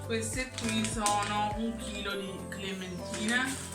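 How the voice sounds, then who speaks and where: Woman, post-flu voice, casual shopping narration, unhurried pace, distant mic with music. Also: medium pitch, fairly even intonation. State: getting over the flu. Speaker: vlogger presenting a grocery haul. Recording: roomy echo, distant mic, music behind.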